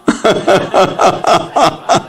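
A man's voice: high-pitched, very slow, slightly rough. An older man giving a folksy religious lecture, teasing and laughing often as he asks his audience questions.

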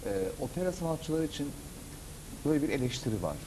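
A man in his thirties hosting a studio TV interview on a lapel mic, asking quick, rambling questions and often agreeing with fillers. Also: on the high side, big pitch swings, background noise. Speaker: TV show host.

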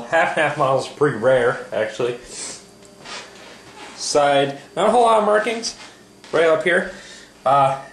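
Echoey young American man reviewing casually. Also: a little high. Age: young adult. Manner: sweary, deadpan, halting. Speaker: video host. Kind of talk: casual mock product review. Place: indoors at home. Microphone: handheld camera at arm's length. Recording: echoey room, noisy handheld camera audio.

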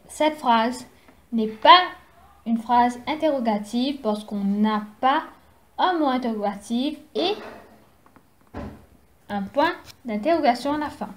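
A woman teacher giving a recorded lesson from home, explaining slowly and carefully to young children. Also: a little high, a little hiss or hum. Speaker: primary school teacher.

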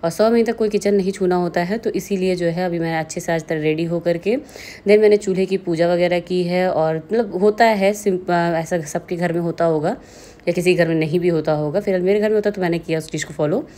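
A woman's voice: lowish voice, brisk, warm tone. A young woman chatting casually in a home vlog, slipping English words into her speech. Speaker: vlogger.

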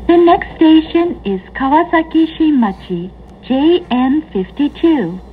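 Woman, formal recorded train announcement, extremely slow delivery, tinny narrow PA sound. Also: high-pitched, expressive. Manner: formal, deliberate. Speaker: automated English-language train announcer. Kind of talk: scripted recorded onboard announcement. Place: train carriage public-address system. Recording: tinny narrow-band train PA, running noise. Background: train ambience.

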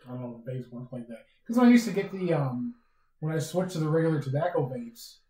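A man joining a casual podcast chat, talking quickly and offhandedly. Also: on the high side, expressive, dark tone, roomy sound, low-quality recording.

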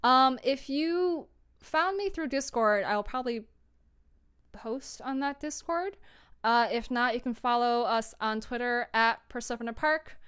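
A young audio drama producer talks casually with her livestream audience, her replies scattered and self-interrupting. She has a fairly high, smooth, slightly bright voice and speaks a little slowly.

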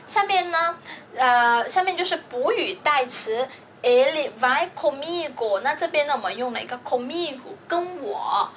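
High-voiced woman teaching a grammar lesson. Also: a bit bright, slight background noise. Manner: patient, explains step by step with frequent checks. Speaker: language teacher.

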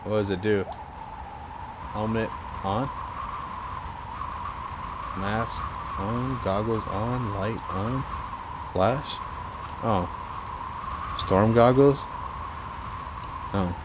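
A man's voice: on the low side, very slow, long pauses, background noise. An American man giving casual gameplay commentary, thinking aloud in short, slangy remarks. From United States. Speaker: gamer recording gameplay commentary.

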